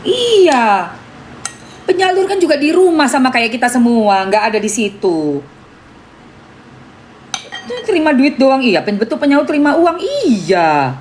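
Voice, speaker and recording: A woman's voice: high-pitched, sing-song, a little slow, pauses often, darkish tone, slight background noise. Indignant woman streamer. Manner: talks to viewers by name, argues indignantly; calls herself [name]. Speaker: live streamer. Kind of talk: casual live-stream commentary.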